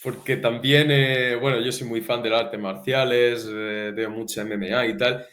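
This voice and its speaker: A young man from Spain talks casually as a guest, loose and slangy, with a mid-pitched voice. His voice rings in an echoey room. He tells his stories in a relaxed, lively way. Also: unhurried. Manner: informal, says tío a lot, lively and laughing. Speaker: guest, teacher. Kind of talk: casual chat.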